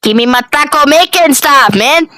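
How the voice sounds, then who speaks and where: A woman's voice: high voice, moderate pace, bright, forceful tone, no echo, clean studio sound, pitched above the performer's own voice. A woman voicing a simple-minded adult man who talks in broken, repetitive phrases. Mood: dopey.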